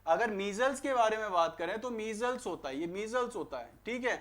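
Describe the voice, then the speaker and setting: A man's voice: sits high, lively intonation, fairly quick, a bit bright. A young man with an Indian accent teaching an online grammar lesson, mixing English into Hindi and firing rhetorical questions at students before answering them. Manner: mixes English phrases into Hindi explanations.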